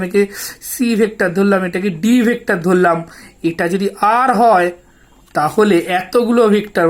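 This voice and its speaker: A woman with a West Bengal Bengali accent teaching a step-by-step math lesson, explaining patiently, often checking in with rhetorical questions and mixing in English terms. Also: mid-range voice.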